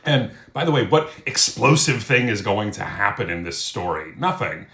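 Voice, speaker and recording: A man's voice: lowish voice, expressive, normal speed, a bit bright, roomy sound. A man hosting a reaction commentary, scolding and indignant as he rebuts a clip. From United States. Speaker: commentary host.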